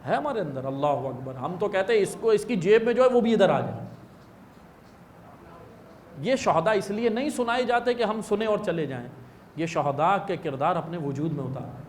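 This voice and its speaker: Male preacher, high voice, impassioned sermon, storyteller, acts out dialogue. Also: animated, a little hiss or hum. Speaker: religious scholar. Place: prayer hall.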